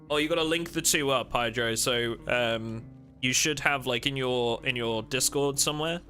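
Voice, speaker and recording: A man with a bright, forceful voice streams a game live, chatting loosely with his viewers and rambling through explanations as he plays. Soft guitar music plays faintly underneath. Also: medium pitch, a little slow. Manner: casual, rambling, talks to chat. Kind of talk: live gameplay stream chat.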